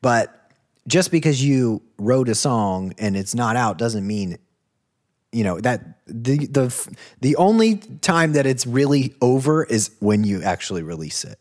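A man in a casual podcast conversation about songwriting, rambling and relaxed with lots of fillers. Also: medium pitch, a little slow. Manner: relaxed, rambling, many fillers and "you know".

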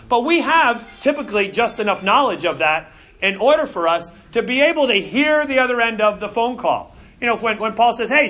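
A middle-aged man teaching a Bible class in an animated, conversational way, often repeating words as he goes. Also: sits high. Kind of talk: classroom lecture.

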